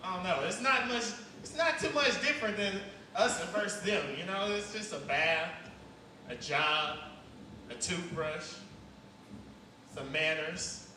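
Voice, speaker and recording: A high-pitched man works through a loose, rambling stand-up set, jumping into loud outbursts now and then. He sounds distant from the mic, and his voice rings through a very echoey club. Steady background noise sits under the whole recording. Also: a little slow. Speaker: stand-up comedian. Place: comedy club stage.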